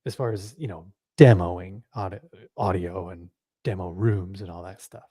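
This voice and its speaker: A man's voice: low voice, normal speed, mellow, slightly rough, dry recording, studio quality. A man co-hosting a podcast, chatting casually in a laid-back way with brief reactions. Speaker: podcast co-host. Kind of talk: casual chat.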